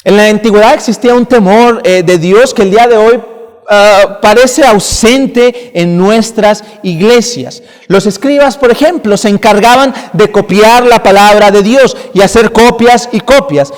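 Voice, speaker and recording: A man's voice: sits high, measured pace, long reverb tail. A man preaching an earnest sermon as pastor, calling the congregation brothers. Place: church sanctuary.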